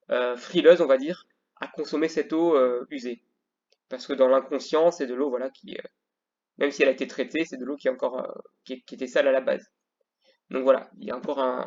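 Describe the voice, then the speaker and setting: A man's voice: medium pitch, a little mellow, muffled recording. A male teacher talking through a slideshow lesson, hesitant, with many fillers and restarts.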